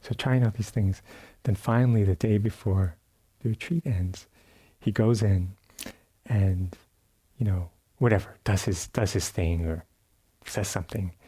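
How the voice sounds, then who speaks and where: A man gives a dharma talk at a retreat, his voice low and soft-edged with a slightly husky grain. He tells a story loosely and calmly, full of fillers and false starts, and now and then acts out a bell or a shout. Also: unhurried. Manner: relaxed storytelling with many fillers and restarts. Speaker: meditation teacher. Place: retreat center meditation hall.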